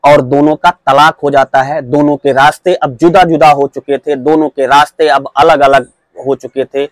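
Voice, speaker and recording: A man narrating a true-crime story in steady storyteller fashion, often repeating his phrases. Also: a little high, normal speed, no room sound, low-quality recording.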